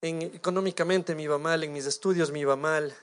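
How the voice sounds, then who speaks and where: A man in his thirties with an Ecuadorian Spanish accent preaching a sermon as pastor, animated and acting out imagined dialogues with God. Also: on the high side, brisk.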